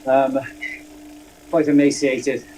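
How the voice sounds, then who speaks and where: A man's voice: medium pitch, monotone, slow pace, warm tone, poor audio. A man, telling rambling, self-deprecating stories in a casual chat. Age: 60s. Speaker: guest. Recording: faint background noise.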